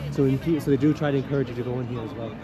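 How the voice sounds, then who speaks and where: A student guide, a young man, talks rapid-fire in a mid-range, fairly even voice while leading an enthusiastic, informal walk around campus, explaining things chattily and loosely. Crowd noise mixes with clear traffic and urban ambience in the noisy outdoor audio.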